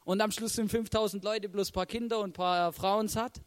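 A man's voice: high-pitched, steady tone, a little fast. A man preaching a sermon to a church, talking animatedly and peppering his sentences with "hey" and "oder?". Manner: acts out characters' reactions in a raised voice.

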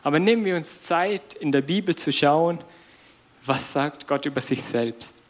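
A man preaching a sermon in a lively, conversational way, with casual slang and sudden bursts of loud emphasis. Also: a little high, measured pace.

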